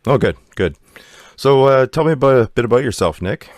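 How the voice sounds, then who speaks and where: A man hosting an interview, asking questions in an easygoing way with many pauses. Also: medium pitch, lively intonation. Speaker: host.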